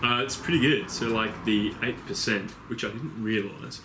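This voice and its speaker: Bright-voiced man with a slight lisp. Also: fairly low pitch, moderate pace. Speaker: podcast co-host. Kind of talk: casual chat. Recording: echoey room with faint noise.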